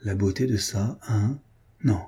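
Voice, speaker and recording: A man's voice: medium pitch, measured pace, mellow, husky. A man voicing a grief-stricken male painter, obsessive and volatile, with a feverish, exclamatory way of speaking. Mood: rapt, murmuring.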